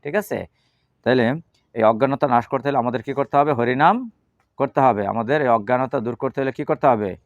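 A man's voice: mid-range voice, no echo, dull audio. A man teaching a class on the Gita, asking his listeners questions and answering them himself. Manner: leads slow chanting. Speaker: religious teacher.

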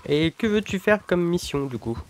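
A man with a slightly high voice chats casually with a friend as he plays. It is relaxed gameplay commentary, with faint noise, horse sounds and clicks behind him. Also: moderate pace. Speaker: gaming video co-host.

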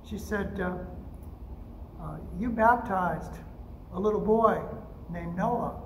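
An older man preaching a storytelling sermon from a pulpit microphone in a church sanctuary, unhurried and gentle, with frequent pauses. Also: high-pitched, slight background noise. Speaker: pastor. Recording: echoey sanctuary with faint ambience.

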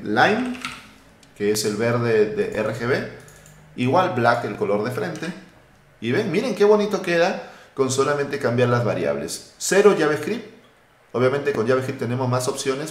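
Lively man teaching code live, roomy sound. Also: mid-range voice, slight background noise. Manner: lively, thinks aloud while typing code. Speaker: web development instructor. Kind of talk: live coding tutorial. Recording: roomy echo.

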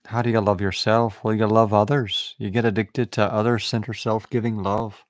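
A man's voice: lowish voice, flat delivery, dry recording, clean studio sound. A man giving a meditative spiritual talk, repeating short affirming phrases over and over. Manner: slow, repetitive, affirming phrases. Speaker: spiritual teacher.

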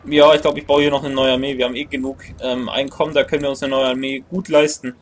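Speaking fast in a mid-range, level voice, this twenty-something let's-play gamer comments offhandedly on the strategy game he's playing. He mutters complaints, thinks out loud and catches his own mistakes, seated at a computer in a small indoor room where a slight hiss or hum can be heard.

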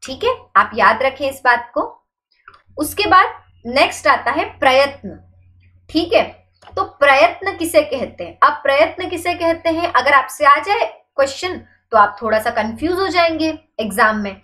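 A woman with a high, light voice teaches grammar to exam students. She poses questions and answers them right away. She keeps repeating the key points so they stick. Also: lively intonation, moderate pace, bright, forceful tone. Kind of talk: exam-prep grammar lecture.

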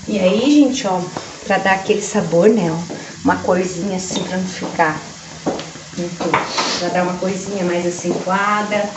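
A woman's voice: on the low side, fairly even intonation, moderate pace, heavy background noise. Chatty woman cooking in echoey kitchen. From Brazil. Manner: chatty, keeps saying "gente" and "ó". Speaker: home cooking vlogger. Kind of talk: casual cooking vlog. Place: home kitchen with tiled walls. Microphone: camera across the kitchen.

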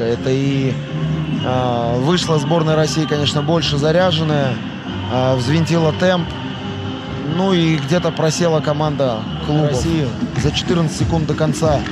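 A man giving analytical co-commentary on an ice hockey game. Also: fairly high pitch.

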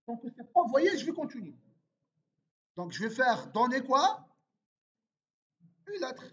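Lively teacher thinking aloud over code. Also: high-pitched, measured pace, slight background noise. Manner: thinks aloud, asking and answering own questions; informal, repeats words while typing. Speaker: programming teacher. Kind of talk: screen-recorded coding lesson. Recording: dull lo-fi recording.

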